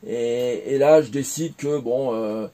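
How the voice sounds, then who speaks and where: Slow and warm, this mid-range male voice belongs to a Frenchman in his forties who once developed games. Interviewed casually about his career, he hesitates often, filling gaps and restarting sentences.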